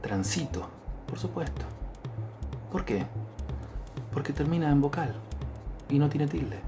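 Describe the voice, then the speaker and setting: A man with an Argentine accent teaching a grammar lesson. He lists example words one after another and keeps checking in with a quick "¿sí?". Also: on the high side, animated, music in the background. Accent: Argentine Spanish. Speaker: language teacher.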